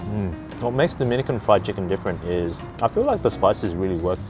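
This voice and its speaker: Casting: low-voiced male food vlogger, chatting casually between crunchy bites of fried chicken, music and outdoor city sound behind. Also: animated, fairly quick. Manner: eating crunchy fried chicken while talking, appreciative mms; laid-back, often ends phrases with "man". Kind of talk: casual food review vlog.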